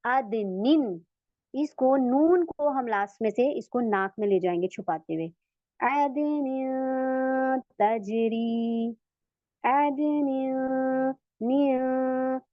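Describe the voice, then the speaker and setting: A woman with a fairly high voice teaches a recitation lesson to women, patient and step-by-step, stretching sample words out slowly to show how they sound. The recording is dull and lo-fi, with a dry sound close to the mic. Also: no room sound. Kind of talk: online tajweed lesson for women.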